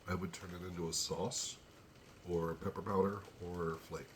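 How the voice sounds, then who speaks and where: Deep-voiced man, teary from chili heat. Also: level tone, a little hiss or hum. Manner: slow, measured, thinking aloud between pauses. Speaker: chili pepper reviewer. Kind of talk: casual solo tasting review.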